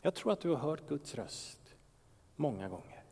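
A man's voice: fairly high pitch, very animated, vocal fry, mellow, breathy edge. A man preaching a sermon as pastor, asking rhetorical questions and sometimes dropping into a whisper. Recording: long reverb of a large hall.

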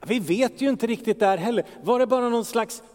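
A man's voice: extremely high pitch, a little mellow. A man preaching a sermon as pastor, asking rhetorical questions and sometimes dropping into a whisper. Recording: long reverb of a large hall.

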